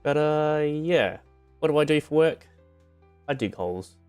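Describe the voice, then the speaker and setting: Background music plays as a man debuts as a VTuber, chatting loosely and rambling with his audience while poking gentle fun at himself. His voice is smooth and darkish but sits on the high side, animated and measured in pace.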